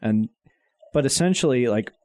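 A man co-hosting a casual podcast, explaining things in a relaxed way and sometimes stumbling over words. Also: medium pitch, normal speed, dry recording, studio quality. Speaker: podcast co-host. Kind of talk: casual chat.

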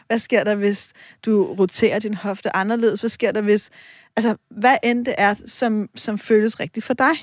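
A woman's voice: mid-range voice, fairly even intonation, no room sound, clean studio sound. A woman guest on a radio talk show, explaining reflectively and giving examples. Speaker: sexologist guest.

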